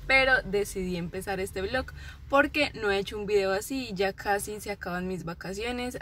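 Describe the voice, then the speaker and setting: A woman's voice: mid-range voice, a bit bright, slight background noise. A young woman, chatting casually and informally to her viewers as a vlogger. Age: young adult. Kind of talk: casual vlog chat to camera. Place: parked car, supermarket and home. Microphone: phone at arm's length.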